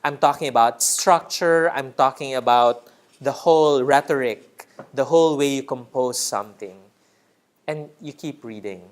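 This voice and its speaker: A man's voice: mid-range voice, normal speed. A man training a writing workshop in a room, teacherly, repeating key words and checking in with the group. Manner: teacherly, checks in with "right?" often.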